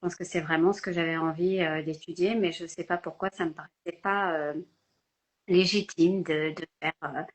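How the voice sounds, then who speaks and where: A woman's voice: on the low side, steady tone, moderate pace. An older woman from France, speaking hesitantly with many fillers as a guest in a casual live video-call interview. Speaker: guest photographer.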